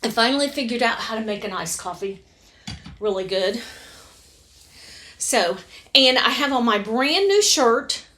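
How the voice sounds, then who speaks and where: A woman's voice: on the high side, expressive, measured pace, pauses often, pushed and bright. Chatty self-correcting woman book vlogger. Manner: chatty, rambling, corrects herself often. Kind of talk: casual chat to camera. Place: home reading room, indoors.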